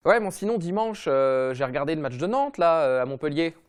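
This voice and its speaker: A man hosting a comedy football show, ranting in a mocking, slangy, rapid-fire way. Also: fairly high pitch, sing-song, clean tone. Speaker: comedy football podcast host. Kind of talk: fast comic rant.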